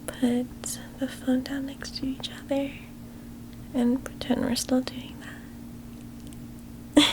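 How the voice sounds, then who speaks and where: In an ASMR whispered role-play, a woman plays an affectionate childhood best friend who teases playfully, using a soft, soothing, spa-like whisper meant to relax. Her voice is fairly high and creaky, and the recording is rough.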